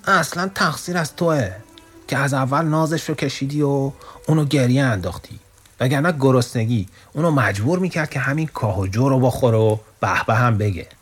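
A man's voice: medium pitch, breathy edge, soft background music, close to an everyday voice. A man voicing a rude, scornful herd of donkeys in a children's story, mocking and indignant.

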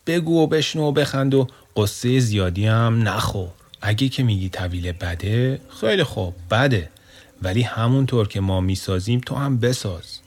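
A man voicing a kind, gentle male donkey in a children's story, giving patient, soothing advice. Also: medium pitch, lightly acted.

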